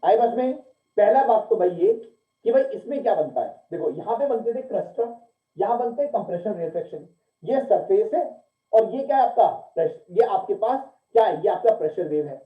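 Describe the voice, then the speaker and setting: A man giving a physics class, who keeps asking questions and answering them himself and calls his students "beta". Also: high-pitched. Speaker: physics teacher. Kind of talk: classroom lecture. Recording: echoey room, tinny phone-like sound.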